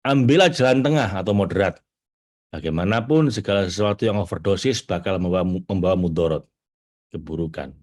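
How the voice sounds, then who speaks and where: A middle-aged man giving a lively spiritual teaching talk to an audience, jumping to high excited bursts and slowing down to read quotes. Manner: animated, rising to high excited bursts, reads quotes slowly. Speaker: spiritual trainer.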